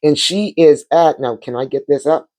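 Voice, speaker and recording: A woman's voice: low voice, moderate pace, mellow. A woman hosting her own vlog from her couch at home, talking in a spiritual, heartfelt way and repeating words for emphasis. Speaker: channel host. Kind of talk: casual spiritual vlog chat.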